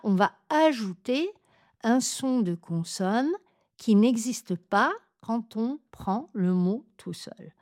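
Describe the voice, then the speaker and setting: A woman gives a pronunciation lesson at an unhurried, measured pace. Her voice sits mid-range and she spells out each example clearly. The sound is dry and close, with no room around it. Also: medium pitch, darkish tone, no echo. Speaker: French pronunciation teacher. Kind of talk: slow, carefully articulated lesson.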